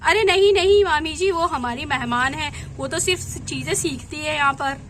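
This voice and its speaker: A woman's voice: sits high, moderate pace, a bit bright, a little hiss or hum. A woman voicing a polite, agreeable young village woman in a doll storybook.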